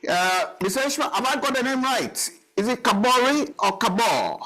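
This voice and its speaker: A man's voice: extremely high pitch, fairly quick, bright, forceful tone, low-quality recording. A man hosting a television talk show, interviewing a guest in a rambling, chatty way with frequent laughs. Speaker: TV show host.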